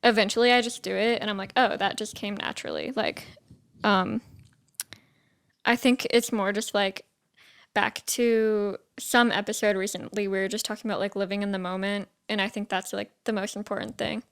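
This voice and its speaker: A woman's voice: mid-range voice, steady tone, normal speed, gravelly, a bit bright, clean tone. A young woman co-hosting a podcast in casual chat, talking freely and leaning on "like" a lot. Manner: chatty, leans on "like" a lot. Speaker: podcast co-host.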